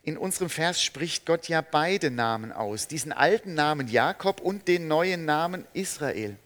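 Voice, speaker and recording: A man's voice: on the high side, lively intonation. Earnest German-speaking preacher man. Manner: earnest, rises to emphatic peaks then drops soft and slow; addresses listeners directly with questions. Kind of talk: sermon.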